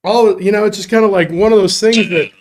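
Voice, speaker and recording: A man's voice: sits high, steady tone, fast. A man hosting a live bar prize giveaway show, jokey and upbeat, with chuckles and asides.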